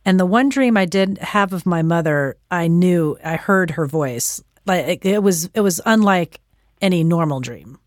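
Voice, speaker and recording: A woman interviewer with a notably low voice, recorded close and dry in the studio. She talks in a reflective way, often pausing to search for the right words, and laughs easily. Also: expressive, no echo. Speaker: interview host. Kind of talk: conversational interview.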